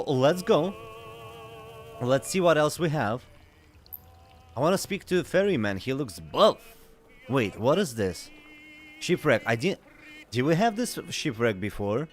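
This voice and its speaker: A man's voice: medium pitch, big pitch swings, unhurried, soft background music. Giggly man streaming a game. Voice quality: chatty, giggly reactions. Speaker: gaming streamer. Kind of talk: casual let's-play commentary.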